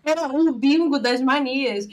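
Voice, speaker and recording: A woman's voice: sits high, a little slow, lo-fi sound, noisy background. A woman with a Brazilian Portuguese accent, a podcast guest telling workplace stories in casual chat with frequent laughter. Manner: animated storytelling with frequent laughter.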